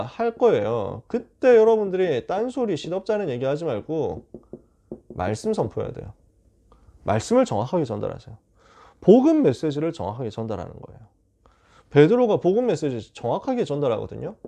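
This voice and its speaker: A man preaching a sermon to high school students as their youth pastor, telling joking stories and making emphatic calls. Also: creaky. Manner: animated, joking storyteller.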